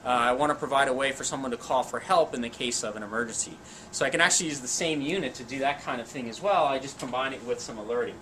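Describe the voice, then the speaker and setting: A man in his forties talks fast and forcefully, his medium-pitched voice bright, as he gives a plain-spoken, informal demo of a technical product. He's in an indoor equipment lab or demo room. The recording is rough, with clear background noise.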